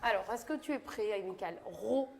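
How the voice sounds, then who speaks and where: A woman's voice: mid-range voice, lively intonation, normal speed, vocal fry, a little hiss or hum. A woman teaching kindergarten children, patiently drawing out speech sounds and encouraging each child. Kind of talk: classroom instruction with young children. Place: kindergarten classroom.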